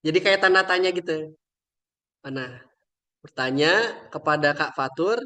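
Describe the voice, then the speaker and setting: A man's voice: fairly high pitch, moderate pace, pushed and bright. A young man, a religious teacher, sharing a moving story in a casual, chatty way with many trailing fillers. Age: young adult. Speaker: religious teacher and invited speaker. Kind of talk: casual heartfelt storytelling talk.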